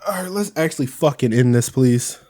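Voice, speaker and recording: A man's voice: medium pitch, animated, fairly quick, a little mellow, no room sound, studio quality. A man cohosting a podcast in casual chat, swearing often with exasperated asides. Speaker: podcast co-host.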